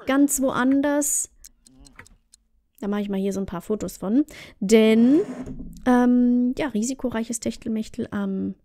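A woman hosts a let's play in a relaxed, chatty way, often speaking straight to the characters on screen. Her voice sits a bit high but sounds soft and mellow, and her commentary stays casual throughout. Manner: chatty, talks to the game characters.

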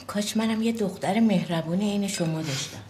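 Sweet old mom an actress playing her, soft slow talk, tv drama. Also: mid-range voice, slight background noise, lightly acted. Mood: tender. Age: older. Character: gentle elderly mother, sweet and grateful. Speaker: mother.

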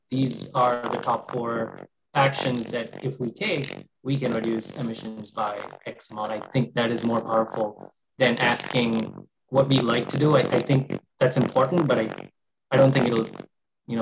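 A man in a video-call meeting, heard through a distorted, robotic-sounding microphone, talking in a measured way with small restarts. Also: medium pitch. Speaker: meeting participant. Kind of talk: casual discussion. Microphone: computer microphone on video call. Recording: fuzzy distorted video-call mic with noise.

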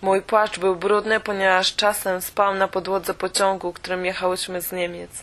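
Woman narrating an audiobook, flat and steady. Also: medium pitch. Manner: steady, measured reading. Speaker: audiobook reader. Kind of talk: first-person audiobook narration.

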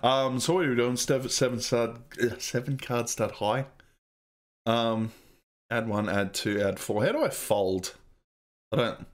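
A man's voice: mid-range voice, a little slow. A man casually commenting on an old computer game he plays, swearing and rambling. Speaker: let's play host.

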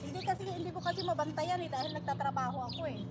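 A woman's voice: high voice, rapid-fire. A middle-aged woman from the Philippines rambling in a casual live vlog while weeding outdoors, reading viewer comments aloud. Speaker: vlogger. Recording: clear outdoor noise with birds.

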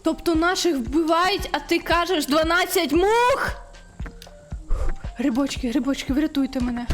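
Woman gaming streamer, high voice, excitable, shrieks when frustrated. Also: unhurried, faint music behind. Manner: talks to the game. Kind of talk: let's-play commentary.

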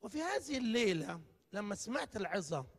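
A man's voice: high-pitched, very animated, fairly quick, husky. A man preaching a live church sermon, emphatic and full of rhetorical questions. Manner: emphatic, rhetorical questions, dramatic swings in loudness. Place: church hall. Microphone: live broadcast microphone. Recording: long church hall reverb.

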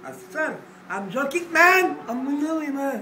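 An older man holding forth at a cafe table, boisterous and rambling, swearing and breaking into loud outbursts. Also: very high voice, animated, measured pace, far from the mic. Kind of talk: rowdy table talk. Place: cafe with glass front, indoors. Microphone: phone camera across the table. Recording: echoey room, voice off-mic, music behind.

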